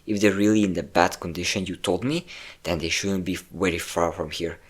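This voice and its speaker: In a dramatic romantic audio roleplay, a man voices a possessive, obsessive, five-hundred-year-old vampire lover, menacing and volatile and full of cold fury. His low, breathy voice moves at a moderate pace, intense and theatrical, swinging between tender and threatening.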